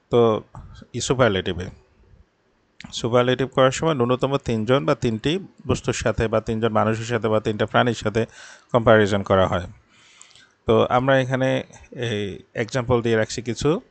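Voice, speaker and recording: A man's voice: mid-range voice, gravelly, dry recording. Patient tutor, man. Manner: patient, explains step by step, reads examples slowly. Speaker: English grammar tutor. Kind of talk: explanatory lesson in Bengali.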